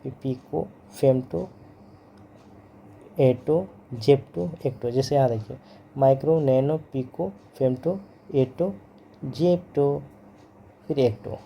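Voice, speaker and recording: Dark-voiced male teacher drilling terms. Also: medium pitch, gravelly, a little hiss or hum. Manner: repeats terms slowly, drilling pronunciation; mixes English terms into Hindi. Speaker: physics teacher. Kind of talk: classroom lecture.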